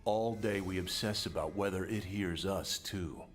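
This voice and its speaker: An actor playing a reflective former captive in a video game, narrating in an articulate, wry and measured way. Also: male voice, low voice, soft background music. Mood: wry, uneasy.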